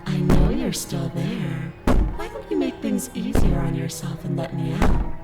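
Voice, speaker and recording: An actress playing a vengeful, nightmarish captive princess in a game, taunting and threatening with deliberate menace. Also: female voice, fairly low pitch, big pitch swings. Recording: loud music and banging effects behind.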